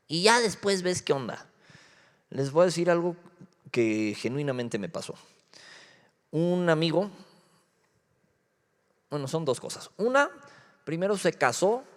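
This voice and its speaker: A young male pastor with a Mexico City accent giving a casual youth sermon, joking and slangy, often checking in with rhetorical questions. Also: mid-range voice. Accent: Mexico City Spanish. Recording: long hall reverb.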